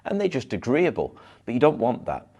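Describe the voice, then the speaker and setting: A man, a hypnotherapist, talking to camera with self-help advice. He rushes his words and sometimes stumbles or repeats them. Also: medium pitch, wildly swooping pitch, a little mellow, husky, dull audio. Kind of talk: motivational advice monologue to camera.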